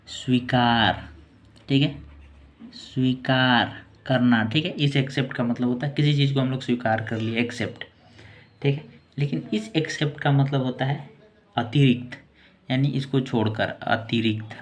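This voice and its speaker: A man teaching English vocabulary in a casual, repetitive way, saying each word slowly and repeating it. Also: mid-range voice. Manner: slow, repetitive word-by-word explaining.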